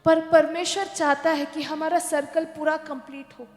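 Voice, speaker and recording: A woman's voice: high-pitched, fairly even intonation, normal speed, a little mellow. A woman pastor preaching a sermon, telling a story and slipping English phrases into her talk. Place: church hall. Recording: echoey church hall.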